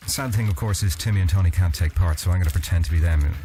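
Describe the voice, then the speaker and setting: A low-voiced Irish man hosting a radio show, talking fast and joking with his co-hosts. Music plays clearly behind him. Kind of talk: casual radio chat.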